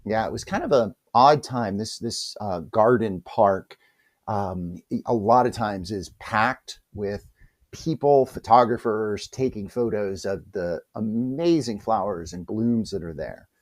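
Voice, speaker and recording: Chatty man hosting a spiritual vlog. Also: measured pace. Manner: animated, chatty, with wide pitch swings and asides. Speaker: host of a spiritual reflection channel.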